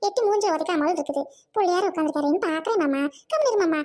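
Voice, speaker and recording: An actress in her thirties with a Tamil Nadu Tamil accent whines and pleads in a comic skit, alternately sobbing and laughing. Her voice is extremely high-pitched and fast, with a darkish tone.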